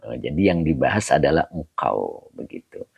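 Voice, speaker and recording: A man teaching Arabic grammar in an online study session, relaxed and chuckling often, drawing out Arabic slowly. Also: extremely low pitch, creaky, slightly rough, dry recording, muffled recording. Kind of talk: online livestream lesson, reading comments.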